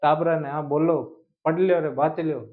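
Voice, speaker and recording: A man's voice: on the high side, fairly even intonation, normal speed, close to an everyday voice. A man with a Rajasthani accent imitating a strict old-fashioned village schoolteacher who brusquely orders pupils about. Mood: bossy. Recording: tinny phone-like sound.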